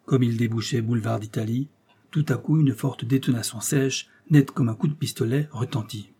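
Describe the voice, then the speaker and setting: A man giving steady, measured audiobook narration of a classic novel. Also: medium pitch, husky.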